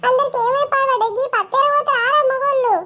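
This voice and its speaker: A woman's voice: extremely high pitch, bright, forceful tone, pitched above the performer's own voice. A woman voicing a bossy village wife in a cartoon, scolding brusquely in a Telangana accent. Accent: Telangana Telugu. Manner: scolding, brusque, rapid-fire. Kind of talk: cartoon voice acting.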